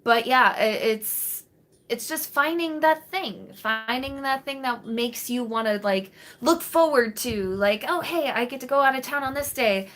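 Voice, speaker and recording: A woman's voice: high-pitched, measured pace, fairly bright tone. A woman in her late twenties chatting casually on a live stream to her viewers, rambling with lots of fillers and restarts, recorded on a webcam in a small bedroom. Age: 20s. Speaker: vlogger answering live chat. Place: small bedroom in front of a green wall.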